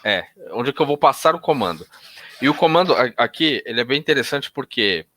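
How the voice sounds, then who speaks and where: A man teaching techniques in a relaxed conversational way, often restarting sentences and changing his tone to show examples. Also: mid-range voice, a little fast, no room sound. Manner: explains with hesitant restarts, demonstrates intonation shifts. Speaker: NLP instructor.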